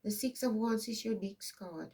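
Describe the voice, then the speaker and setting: The distant mic catches a darkish, medium-pitched woman's voice at a moderate pace. In her fifties, South African and a native Afrikaans speaker, she offers a loose, rambling tarot reading, often pausing to ask "okay?".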